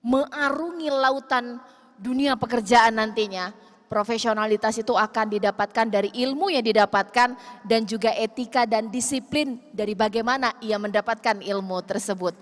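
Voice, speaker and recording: A woman's voice: on the high side, fairly even intonation, normal speed. Upbeat woman moderator in a big hall. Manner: polished, upbeat. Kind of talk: formal event moderating. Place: large hall stage. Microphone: handheld mic. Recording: long hall reverb.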